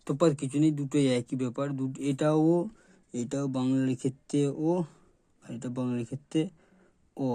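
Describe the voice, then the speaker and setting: A man with a Bengali accent walks learners through letters one by one, repeating each sound plainly. His voice is very dark and mellow. The recording is dry and close. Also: mid-range voice, dry recording. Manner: plain, repetitive, stops to point at letters. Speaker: teacher. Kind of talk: explaining letters at a board.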